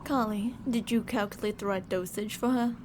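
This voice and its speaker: Speaking at normal speed with a medium-pitched, natural voice over background noise, a woman portrays a controlling female mad scientist in an ASMR audio drama. This fretful captor sweet-talks with sugary politeness but can turn stern and commanding, sounding businesslike and slightly worried.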